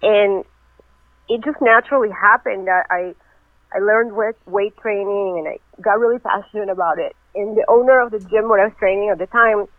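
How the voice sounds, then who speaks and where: Over a tinny, dry phone line, a woman with a medium-pitched voice and no echo talks as a guest in a casual interview. She grew up in Venezuela, works as a personal trainer, and tells her story at length.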